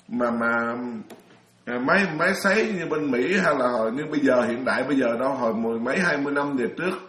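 Chatty monk with a raised voice in an echoey room. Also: male voice, on the high side, fairly bright tone. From Vietnam. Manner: chatty storyteller, laughs often, many restarts. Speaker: Buddhist monk lecturer. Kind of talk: dharma talk.

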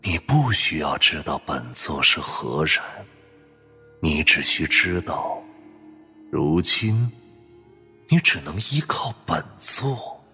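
A man voicing a sinister male demon spirit sealed in a jar, raspy and slowly taunting in a half-whisper, with a heavy reverb effect. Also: a bass voice, sing-song, sharp tone, faint music behind, voice pushed down, heavily acted. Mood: menacing. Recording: long echoing reverb effect.

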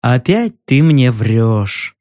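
In an audiobook, a man plays a smug, threatening ex-dockworker who taunts his victim slowly. The voice drops low below the reader's usual tone, with a lively, sly lilt. The recording is close and dry. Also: no echo. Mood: menacing. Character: menacing male ex-dockworker, smug, mocking. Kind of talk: audiobook narration.

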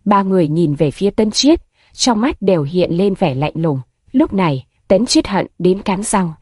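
A woman narrating a martial fantasy novel as an audiobook, at a steady, even storytelling pace. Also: medium pitch, moderate pace, slightly rough, no echo, clean studio sound.

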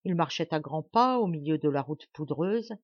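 A woman reading a classic novel aloud as an audiobook in calm, even storytelling. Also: sits low, moderate pace, no echo, highs cut off. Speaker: audiobook reader. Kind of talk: scripted narration of a classic novel.

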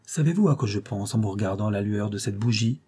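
A man's voice: fairly low pitch, expressive, a little fast, mellow, breathy edge. A man reading an audiobook, voicing a furious young noblewoman trapped against her will who hisses through clenched teeth. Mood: bitter.

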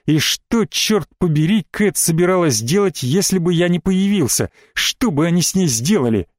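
A man's voice: high-pitched, lively intonation, normal speed, dry recording, clean studio sound. A man narrating a first-person romance audiobook in a terse, brash voice.

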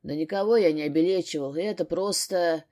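A woman voicing a young husband who speaks hushed and pleading in an audiobook. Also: lowish voice, a little fast, lightly acted.

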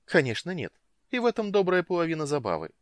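A male audiobook narrator voicing an impatient, lively young woman who talks briskly and teases. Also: on the high side, no echo, pitched above the performer's own voice. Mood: chatty. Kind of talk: audiobook reading.

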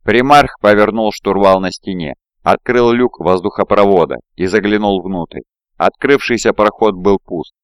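Steady male audiobook narrator, low and smooth, dry close home recording. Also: normal speed, dry recording. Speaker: audiobook reader. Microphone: close home mic.

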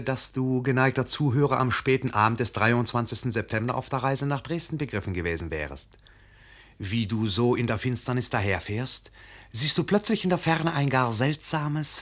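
An actor as the wry literary narrator of a radio play, telling it vividly with measured emphasis. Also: male voice, mid-range voice, fairly bright tone. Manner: measured emphasis, addresses the listener. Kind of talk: dramatic storybook narration.

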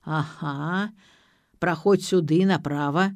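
A cranky, croaking old village healer grumbles in short, curt replies, as a woman reader puts her on. The voice sits on the low side and is recorded close and dry, with no room sound. It is an audiobook reading. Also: takes it slowly, a little mellow, no echo. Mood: grumbling.

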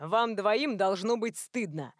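A woman's voice: expressive, no echo, clean studio sound. A woman voicing an exasperated, bossy young man in an audiobook story. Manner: low, slow and curt.

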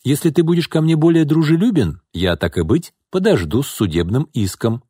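A drunken, threatening businessman, as a male narrator puts him on, needling and bitter and climbing into loud angry outbursts. The voice is raised well above the reader's own, yet keeps a dark, mellow tone in a dry, close recording. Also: on the high side, expressive, brisk, slightly rough, no echo, voice pushed up. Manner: slurring, needling, rising to angry shouts. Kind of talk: audiobook character reading.

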